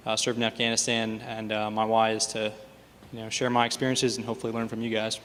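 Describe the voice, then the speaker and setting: A man from New Hampshire, a veteran, introducing himself in a quick, flat way. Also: fairly low pitch, a little hiss or hum. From New Hampshire, USA. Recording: reverberant room, faint clicks, voice off-mic.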